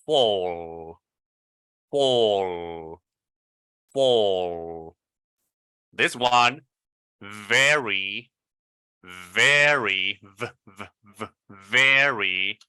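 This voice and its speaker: Coaching English pronunciation, a Venezuelan man with a Venezuelan Spanish accent repeats model words slowly and deliberately. His mid-range voice has a sharp tone, and there is no room sound.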